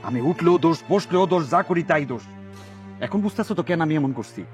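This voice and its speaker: A man playing a fast-talking scheming husband. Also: on the high side, soft background music, close to an everyday voice. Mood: lecturing. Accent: Bangladeshi Bangla dialect. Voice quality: animated, lively, fast talker. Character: scheming husband who takes a second wife. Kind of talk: comic TV drama.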